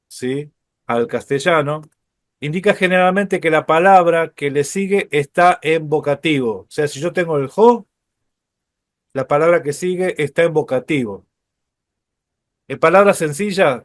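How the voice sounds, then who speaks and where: A man teaching a Bible study lecture, explaining step by step, often checking in with his listeners and pausing on fillers. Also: a little high, no room sound, clean studio sound.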